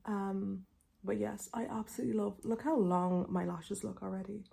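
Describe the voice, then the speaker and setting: A woman's voice: medium pitch, steady tone, normal speed, creaky, dark tone. A woman in her twenties chatting casually through a makeup tutorial, rambling informally, with a tongue piercing that clicks as she talks. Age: 20s. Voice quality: tongue piercing clicking faintly against teeth. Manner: informal, rambling, frequent filler "like". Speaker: beauty vlogger.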